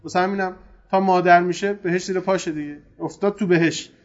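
A man's voice: sits high, fairly even intonation. Man lecturing on religion, dull lo-fi sound. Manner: conversational, emphatic, swings loud and soft. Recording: dull lo-fi recording.

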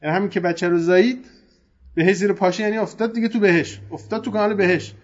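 A man giving a colloquial religious lecture, conversational and emphatic, swinging between loud and soft. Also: high-pitched, fairly even intonation. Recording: dull lo-fi recording.

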